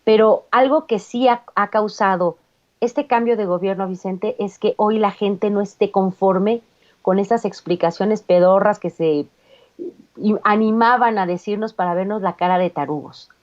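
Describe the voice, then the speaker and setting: Mujer mexicana, abogada, comentario político indignado, audio apagado. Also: female voice, mid-range voice, normal speed, darkish tone. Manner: indignant, emphatic. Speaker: lawyer and commentator. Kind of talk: political commentary. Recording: dull lo-fi sound.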